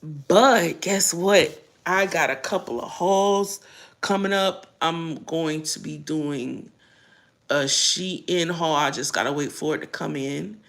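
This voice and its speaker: A woman's voice: low voice, slow pace, creaky, fairly bright tone. A middle-aged American woman chatting casually and bluntly in a rambling vlog while she eats, her mouth sometimes full. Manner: blunt, earthy. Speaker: vlogger.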